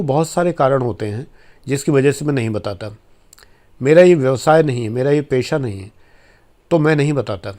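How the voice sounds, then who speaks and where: This man in his fifties from India, a life coach and former administrator, has a slightly high, mellow voice. He gives viewers an informal spoken lecture, earnest and admonishing in tone.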